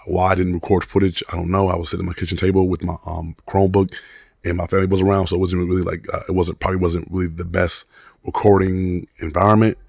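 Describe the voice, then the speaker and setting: Still hoarse from a cold, a product reviewer in his thirties reviews a microphone casually at his home desk, rambling with many fillers and restarts. He sounds low and gravelly with vocal fry, recorded close and dry through a desk condenser USB mic with no room echo.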